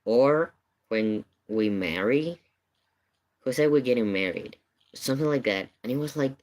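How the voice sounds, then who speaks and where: In a slightly mellow, animated mid-range voice at a measured pace, a streamer known for reacting to videos chats casually. The rambling story he shares is marked by hesitation and repetition.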